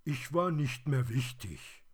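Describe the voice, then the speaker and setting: A man voicing a lonely, forgotten plush teddy bear in a storybook reading, with a high and plaintive manner. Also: lively intonation, slow pace, husky. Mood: wistful.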